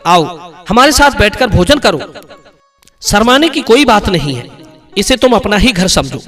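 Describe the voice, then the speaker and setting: A man's voice: high-pitched, very animated, moderate pace, fairly bright tone. A man voicing a sly, stingy middle-aged merchant who coaxes his guest in a hearty tone. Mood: coaxing.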